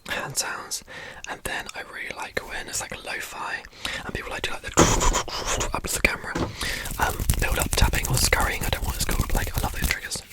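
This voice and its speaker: A young adult speaking in a fast, breathy ASMR whisper, rambling informally and repeating words while answering questions. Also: rough recording.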